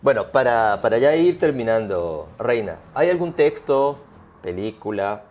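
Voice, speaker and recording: A man hosting a conversational interview, measured and encouraging as he asks his questions. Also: medium pitch, sing-song, darkish tone, lo-fi sound. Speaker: interview host.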